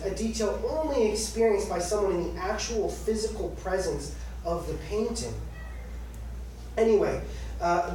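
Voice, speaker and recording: A man in his thirties reads aloud from his own memoir at a book launch, his voice high and slightly mellow. His delivery of the personal essay is conversational and wry, and the live audience setting comes through as an echoey room captured from a distance with faint noise.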